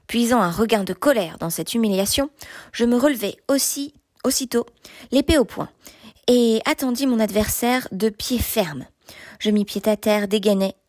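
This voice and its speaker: Audiobook narrator: a woman with a slightly high voice, measured first-person delivery, dry recording. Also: a little mellow, no echo. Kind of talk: audiobook reading of a novel.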